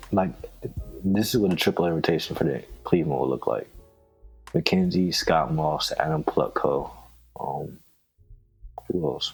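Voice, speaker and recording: A man co-hosting a podcast, chatting casually and excitedly about his team, bragging with frequent laughs. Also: rumbling low, gravelly, husky, rough recording. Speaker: podcast co-host. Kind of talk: casual sports chat.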